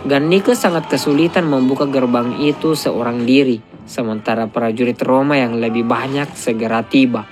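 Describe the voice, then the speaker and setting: A man doing a steady, scripted voice-over that retells a film's plot. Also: medium pitch, moderate pace, over music. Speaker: film recap narrator. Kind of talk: scripted narration.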